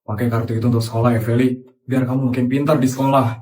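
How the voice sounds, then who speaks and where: A man doing a gentle, generous uncle. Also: medium pitch, level tone, fast talker, natural voice. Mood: kindly. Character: generous kindly adult uncle, benefactor. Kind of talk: cartoon voice acting.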